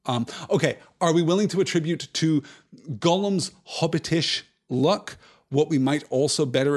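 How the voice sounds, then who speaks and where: An enthusiastic, thoughtful man reads a book aloud to a live audience and keeps breaking off to muse about it. He answers viewers' comments in a digressive, engaged way, with a voice of ordinary pitch. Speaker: host of a live book-reading stream. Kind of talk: reading aloud and discussing, answering chat.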